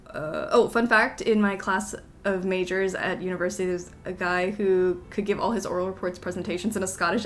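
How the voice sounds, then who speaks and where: A woman streaming a game, chatting casually with viewers, giggling often and apologizing in quick asides. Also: mid-range voice.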